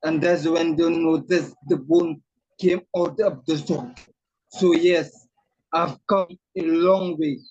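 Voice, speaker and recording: Man with a shaky, husky voice. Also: on the high side, steady tone, darkish tone, no echo. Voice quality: voice shakes from throat muscle tremor. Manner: earnest, deliberate storytelling. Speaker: author guest. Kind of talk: personal testimony in an interview. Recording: muffled lo-fi call audio.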